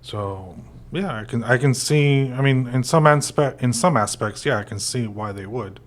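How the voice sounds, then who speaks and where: Speaking at normal speed in a mid-range voice, this American real estate podcast co-host, a man in his forties, keeps things casual. He rambles easily and leans heavily on fillers.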